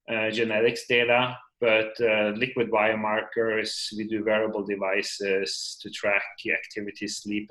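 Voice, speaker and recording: A man's voice: medium pitch, a bit bright, rough recording. A man from Norway, introducing himself at an online meeting in a casual, hesitant way full of fillers, over a video call. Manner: hesitant, many fillers and restarts.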